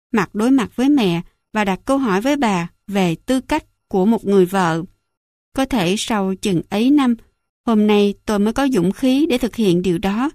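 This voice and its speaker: A woman narrating a memoir audiobook in calm, even storytelling into a close studio mic. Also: mid-range voice, no room sound. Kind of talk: scripted narration.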